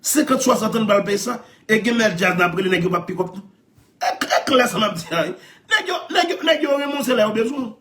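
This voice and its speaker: Excitable high-voiced Haitian Creole man. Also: moderate pace, a little hiss or hum. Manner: excitable, laughs often, repeats phrases, calls out. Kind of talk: animated storytelling chat.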